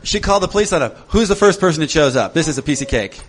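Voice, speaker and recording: Lively laughing male workshop speaker. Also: fairly high pitch, racing. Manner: animated, laughs often, acts out quoted voices. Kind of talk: talk to a group.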